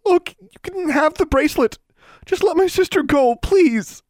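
A man's voice: extremely high pitch, animated, unhurried, no echo, studio quality, voice pushed up. A man voicing a frightened young boy who pleads in a panicky way. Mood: pleading scared.

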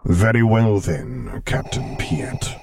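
Man reading as masked dark lord, deep rumbling voice, slow, commanding, storybook reading. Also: very animated, creaky, slight background noise, exaggerated voice. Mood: measured. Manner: slow, deliberate, rumbling delivery.

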